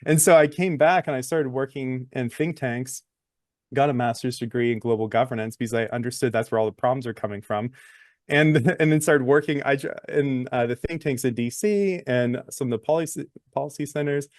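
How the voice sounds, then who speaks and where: A man's voice: medium pitch, brisk, a little mellow, dry recording, studio quality. A man in his thirties, a guest on a talk show, telling his story in a chatty way and laughing between phrases. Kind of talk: interview conversation.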